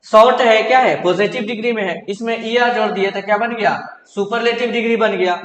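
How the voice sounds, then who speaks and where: Male grammar teacher with a high voice who drills by question and answer, recorded in a roomy, echoing hall. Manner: asks questions and answers them himself, repetitive drilling. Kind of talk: classroom grammar lesson in Hindi. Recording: echoey hall, roomy reverb.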